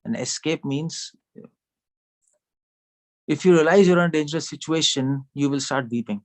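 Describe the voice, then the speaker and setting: A man's voice: a little high, normal speed. A man giving a sermon to a small gathering, talking in a conversational way, asking the audience questions and laughing often. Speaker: speaker at a devotional gathering.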